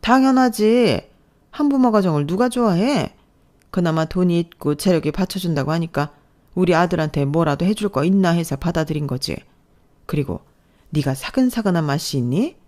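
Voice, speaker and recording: A woman's voice: fairly low pitch, lively intonation, a little fast, darkish tone, lightly acted. A woman voicing a snobbish, scornful older mother-in-law who scolds and belittles. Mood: scornful scolding. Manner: contemptuous, scolding.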